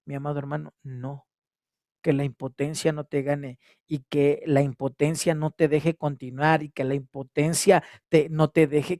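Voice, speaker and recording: A Mexican pastor preaches to his congregation, his fairly high-pitched voice swelling into loud exhortation before sinking back to near quiet. He circles back over the same phrases again and again. The sound is dry and close, with little room echo. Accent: Mexican Spanish. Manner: repetitive, swings between loud exhortation and hushed tones. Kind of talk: sermon. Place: church service.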